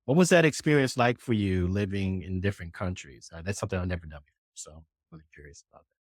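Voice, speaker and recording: The podcast host here is a middle-aged American who talks fast in a low register, with dry, studio-quality sound. He interviews his guest in an easygoing conversational way, bubbly and effusive.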